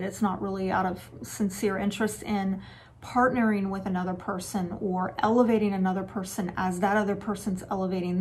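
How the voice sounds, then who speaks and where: A woman with a medium-pitched, somewhat dark voice hosts a relationship and dating advice talk. She speaks frankly, in a casual and lightly sarcastic way.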